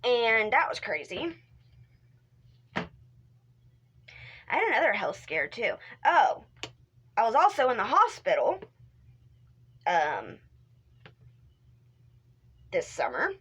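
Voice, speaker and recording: A woman's voice: a little high, huge pitch swings, takes it slowly, pauses often, fairly bright tone, breathy edge, poor audio. A young woman vlogging in casual chat, rambling with many fillers and restarts, speaking candidly and swearing now and then. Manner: drops into whispered asides. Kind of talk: casual talk to camera.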